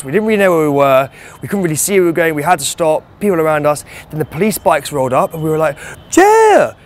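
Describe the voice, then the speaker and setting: This young British man in his twenties, from the UK, has a voice on the high side. As a travel vlogger filming a laid-back road-trip vlog on a lapel mic, he chats, jokes and pokes fun at himself, moving between outdoor spots and hotels while music runs beneath the recording.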